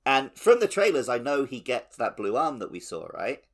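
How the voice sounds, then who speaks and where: A man co-hosts a casual gaming podcast, chatting conversationally about video games. His voice is medium in pitch and sing-song, at a moderate pace.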